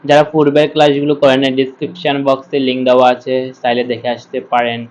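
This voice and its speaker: A man teaching Quran reading. He spells out each letter slowly and then chants the whole word. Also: medium pitch, flat delivery. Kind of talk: step-by-step recitation lesson.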